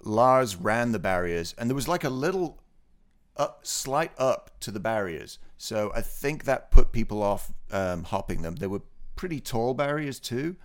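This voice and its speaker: A man co-hosting a podcast, giving a relaxed, rambling race report full of fillers. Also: medium pitch, unhurried. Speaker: podcast co-host. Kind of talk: casual podcast chat.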